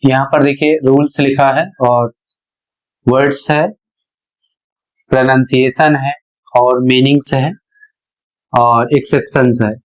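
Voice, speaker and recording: A man's voice: mid-range voice, flat delivery, slow pace, long pauses, low-quality recording. A man giving a pronunciation lesson, spelling out words letter by letter and explaining each one. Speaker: English teacher.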